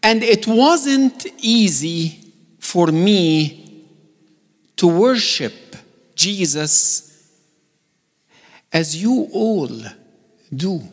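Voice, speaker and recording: Male guest preacher, high voice, playful asides that rise to urgent calls, church reverb. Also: expressive, very slow, pauses often. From Egypt. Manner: joking, building to emphatic urgent calls. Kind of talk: sermon. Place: church sanctuary.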